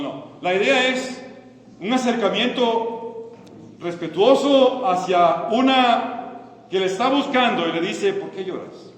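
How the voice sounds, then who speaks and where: A man preaching a sermon, dropping to soft low phrases and rising to loud impassioned peaks. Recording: echoey hall, distant mic, faint ambient noise.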